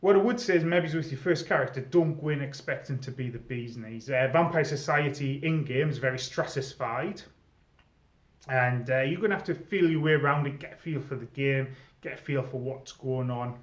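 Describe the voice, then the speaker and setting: A middle-aged man speaks at a normal speed in a mid-range voice, giving newcomers informal, conversational advice. He's a presenter and former game storyteller doing an advice video monologue. The room is echoey and the sound slightly dull.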